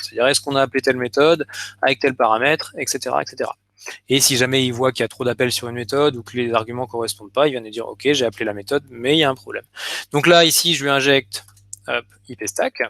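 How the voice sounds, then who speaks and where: Gravelly hesitant French man coding live. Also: medium pitch, fairly bright tone, dry recording. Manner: hesitant, many restarts and fillers. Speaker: conference speaker.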